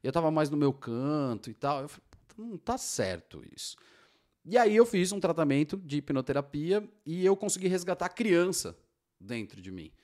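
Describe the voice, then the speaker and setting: A man, telling stories in casual conversation as a hypnotherapy guest, in an enthusiastic, animated way. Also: on the high side, moderate pace.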